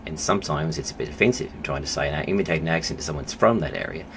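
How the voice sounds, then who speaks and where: A man speaking as a psychologist guest on a podcast interview, thoughtful and measured, with pauses and fillers. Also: extremely low pitch, a bit bright, low-quality recording. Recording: clear background noise.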